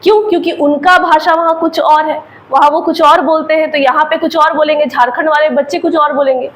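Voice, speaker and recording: A woman's voice: high voice, steady tone, fairly quick, poor audio. A woman English teacher with an Indian accent, explaining grammar in a patient classroom lecture with repeated examples.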